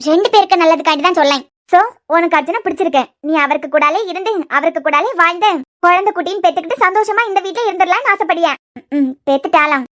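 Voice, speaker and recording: Feuding young women from a cartoon serial, voiced by a woman with a Kanyakumari Tamil accent. The voice is very high and bright, with a sharp, forceful edge. The talk is rapid, and the arguing is heated and reproachful. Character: quarrelsome young women in a family feud. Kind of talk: cartoon dialogue acting.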